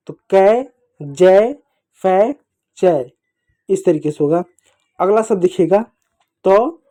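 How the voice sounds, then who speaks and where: A man teaching young children to read in a slow, patient way. He repeats each sound, asks the children to echo it and calls them dear children. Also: high-pitched, dark tone. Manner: addresses children fondly. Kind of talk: children's reading lesson.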